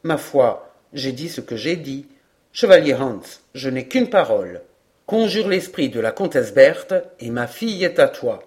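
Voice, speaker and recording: A man reading as a hearty older baron in an audiobook who speaks with firm, emphatic weight. His voice rises and falls with a lively swing, bluff and loud with good cheer. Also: mid-range voice, a little slow, pitched below the performer's own voice.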